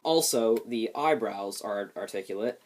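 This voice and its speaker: A man's voice: fairly low pitch, animated, unhurried, darkish tone. A man giving a casual hands-on demonstration of a homemade build, explaining it with light self-deprecation.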